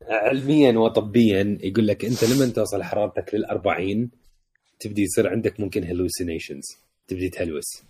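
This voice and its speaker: A man's voice: lowish voice, fast talker, warm tone, slight background noise. A man with an Iraqi Arabic accent chatting casually as a podcast co-host, dropping English words into his talk. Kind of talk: casual chat.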